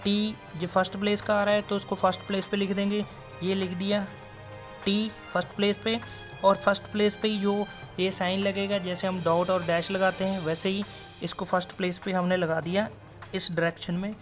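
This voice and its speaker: A man's voice: sits high, little pitch movement, moderate pace, over music. A man explaining a stenography lesson step by step, drawing out example words and answering his own questions. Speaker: stenography teacher. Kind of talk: classroom explanation.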